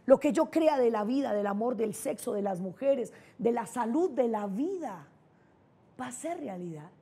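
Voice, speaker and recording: A woman's voice: fairly high pitch, expressive, moderate pace, warm tone, breathy edge. A middle-aged woman with a Colombian paisa accent, giving a motivational conference talk and telling personal stories in an emphatic, candid way. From Colombia (Antioquia). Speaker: neurolinguistic programming trainer, speaker.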